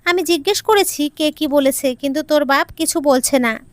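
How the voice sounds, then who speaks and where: A woman voicing an older mother who wails and accuses loudly in an audio story. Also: high-pitched, normal speed, no room sound, close to an everyday voice. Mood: dramatic, angry. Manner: wailing, accusing. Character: older mother, loud and dramatic.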